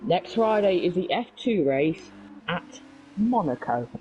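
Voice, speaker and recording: A man's voice: high-pitched, very animated, a little slow, a little mellow, muffled recording, a little hiss or hum. A man co-commentating an online race in a casual, chatty way, often repeating words as he talks.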